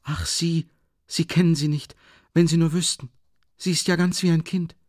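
A man voicing a timid, anguished young woman who pleads in a breathy, rising voice, in a dry audiobook reading. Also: fairly high pitch, lively intonation, normal speed, a little mellow, no room sound, pitched above the performer's own voice, heavily acted. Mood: pleading, distraught.

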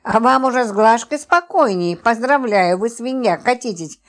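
A woman's voice: fairly high pitch, expressive, moderate pace, lightly acted. A woman voicing Lipochka, an indignant, jealous young housewife who talks sharply and huffily. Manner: sharp, huffy, tearful outbursts.

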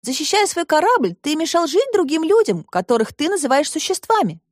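A woman voicing a brave, kind young girl in an audiobook, speaking high and earnestly. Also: very animated, fairly quick, no echo, studio quality.

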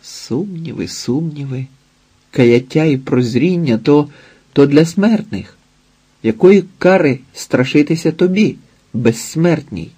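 A man's voice: fairly high pitch, expressive, takes it slowly, warm tone, breathy edge, pitched above the performer's own voice, full character voice. A man voicing a stubborn young red-haired woman, a witch who keeps insisting, in an audiobook. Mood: taunting. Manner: urgent, pushy.

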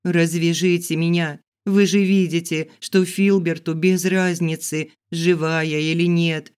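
Man doing a terrified young woman, shrill cries, high strained pleading, audiobook voice, smooth clean delivery. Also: level tone, measured pace, natural voice. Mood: desperate. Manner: shrill panicked shouting and pleading. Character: frightened young woman heroine, bound and desperate. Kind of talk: audiobook character voice.

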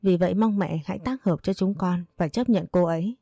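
A woman's voice: fairly low pitch, a little fast, gravelly, dark tone, no room sound. A woman voicing a young man who firmly and earnestly stands up to his mother. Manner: firm, pleading and earnest.

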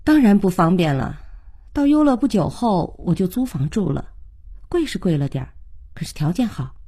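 A polished young businesswoman in her twenties, read by a woman, speaking with poised, courteous professionalism. The voice sits fairly low with lively melodic rise and fall, dark in tone with a husky edge. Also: moderate pace, full character voice. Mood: candid. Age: 20s. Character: composed young woman event organizer, polished. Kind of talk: audiobook character reading.

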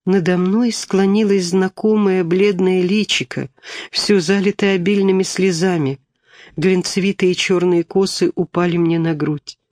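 A man narrating a story from a book in a gentle, expressive reading voice. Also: high voice, a little slow, no echo, clean studio sound. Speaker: audiobook reader. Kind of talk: scripted narration.

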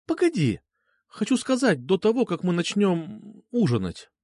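A man's voice: sits high, moderate pace, dry recording, clean studio sound, pitched above the performer's own voice, full character voice. A man reading an audiobook, voicing a playful, teasing young woman in a raised, light voice. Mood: earnest. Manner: teasing, lively. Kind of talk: audiobook character voice.

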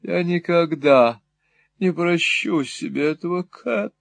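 A man's voice: a little high, takes it slowly, gravelly, no room sound, voice pushed up. Mrs. Nickleby, fussy rambling mother, a man putting her on. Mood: fretful. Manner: long-winded, prim, flustered. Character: fussy, rambling middle-aged widowed mother, self-important. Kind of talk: audiobook character voice.

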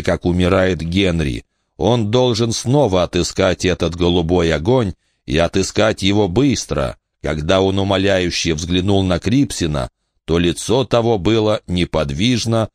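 A man narrating an audiobook in a steady, measured reading. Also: deep voice, no room sound, clean studio sound.

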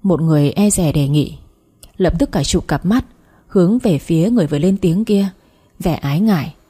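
A woman narrating a story in a steady audiobook reading. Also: on the low side, moderate pace, breathy edge.

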